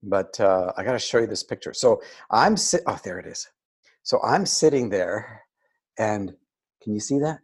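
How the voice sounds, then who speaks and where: An older man speaks at a moderate pace in a fairly low voice with a breathy edge. Appearing as a guest on a video call, he tells a story casually and animatedly, imitating the voices of people he quotes.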